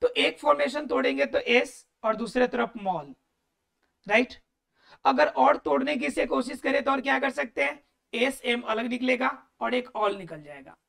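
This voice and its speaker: A woman's voice: sits high, moderate pace, creaky, a bit bright. A woman teaching an English grammar lesson, explaining step by step. She keeps asking and answering her own questions and repeats the key words.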